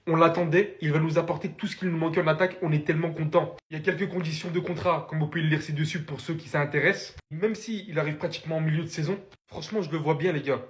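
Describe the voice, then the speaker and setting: A man's voice: a little high, steady tone, fast talker, hardly any pauses. A man giving casual, enthusiastic football commentary, emphatic and chatting straight to his viewers. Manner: emphatic, addresses viewers as guys.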